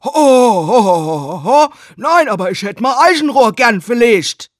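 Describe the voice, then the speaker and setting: A woman voicing a lusty, crude male handyman from a dubbed sex film, loud and leering. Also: high-pitched, animated, unhurried, dry recording, studio quality, voice pushed up.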